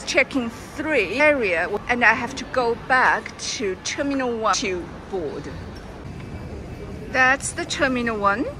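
A woman narrating a casual walking tour as a travel vlogger, speaking in slow, halting, simple phrases while walking through a large airport terminal on a camera mic. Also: a little high. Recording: busy terminal noise behind.

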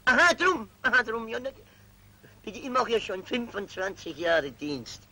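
A fussy little official, tripping over his words and fawning over his superiors. His voice sits high and bright, in an old film soundtrack from the 1940s. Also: normal speed, heavily acted, poor audio. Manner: stammering, deferential, excitable. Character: flustered fussy male minor civil servant. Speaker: stammering petty official.

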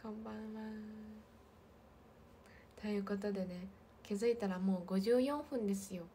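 A woman in her twenties with a light lilt, chatting casually on a livestream and reading viewer comments, often slipping into soft half-whispers. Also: medium pitch, moderate pace, a little hiss or hum. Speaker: idol livestream host.

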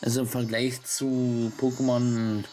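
A man's voice: mid-range voice, level tone, unhurried, warm tone, soft background music. A man giving casual video game commentary and reading on-screen text aloud as he plays. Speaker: let's-play gamer.

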